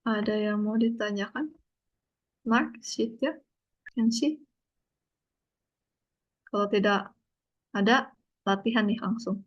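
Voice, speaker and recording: Lady teaching online, slow and patient, lo-fi call audio. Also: mid-range voice. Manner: patient, repeats and spells out each point. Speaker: online Korean language teacher. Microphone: video call.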